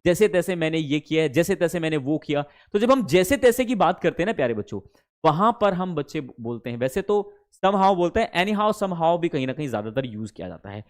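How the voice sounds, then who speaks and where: Lively-pitched teacher, man. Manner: addresses students fondly as kids, mixes Hindi and English; slows down and stretches English phrases. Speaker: English teacher. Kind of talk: online spoken-English class.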